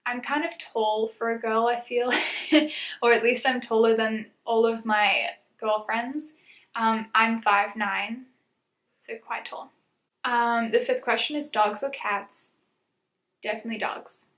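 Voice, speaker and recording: Chatty and quick to laugh, a South African woman in her twenties fills her casual get-to-know-me YouTube chat with plenty of "um"s and "like"s. She speaks at a measured pace in a steady, slightly high and somewhat bright voice, recorded in an echoey room.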